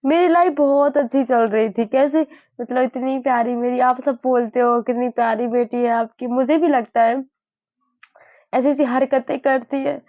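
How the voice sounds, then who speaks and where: A woman in her early twenties sharing her grief in a personal vlog. She sounds weary and low, halts often, and repeats herself. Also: fairly even intonation, no echo. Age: early 20s. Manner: halting, repeats herself, many fillers. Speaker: vlogger. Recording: dull lo-fi dry sound.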